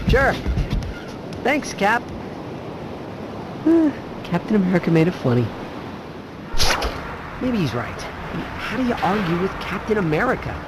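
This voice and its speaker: A man's voice: sits high, sing-song, unhurried, pauses often. A man playing a wisecracking, anxious teenage superhero in a video game, sarcastic and quippy. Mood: quippy, earnest. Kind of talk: video game cutscene acting. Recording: loud music over the voice.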